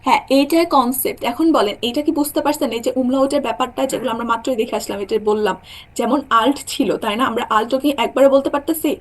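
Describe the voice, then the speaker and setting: This online German lecture is led by a young woman whose voice sits on the high side and moves a little fast. Explaining rules in careful steps, she regularly asks whether her students are following.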